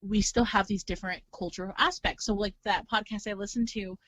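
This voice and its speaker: A young woman from California talking as a podcast guest in animated, chatty casual conversation, full of fillers. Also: medium pitch, a little fast, dull audio. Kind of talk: casual chat.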